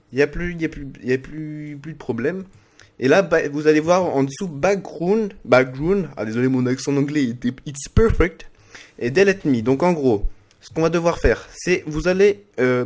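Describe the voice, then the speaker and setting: A man talking through a software tutorial at a home desk microphone, in a loose, casual way. He stumbles and restarts often, filling gaps with little sounds as he narrates each click. His pitch sits in an ordinary middle range. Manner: halting, full of fillers and restarts, narrating clicks. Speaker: streaming tutorial host.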